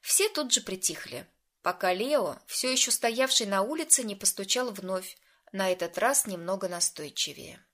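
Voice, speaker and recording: A woman's voice: mid-range voice, normal speed. Woman narrating a first-person story. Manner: even and storytelling.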